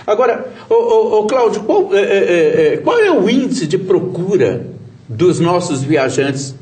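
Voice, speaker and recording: Sao guy asking questions, real animated up and down, bit high, kinda far from the mic. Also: unhurried. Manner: lively, eager questioning, hesitant "ô, ô". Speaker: interviewer. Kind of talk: interview questions.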